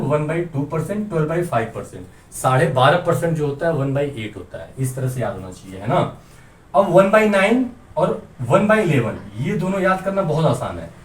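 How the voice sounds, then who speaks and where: A man teaching a maths lesson, explaining step by step and often checking that the class follows. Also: fairly high pitch. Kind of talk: classroom lecture. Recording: roomy sound, mic some distance off, faint hiss.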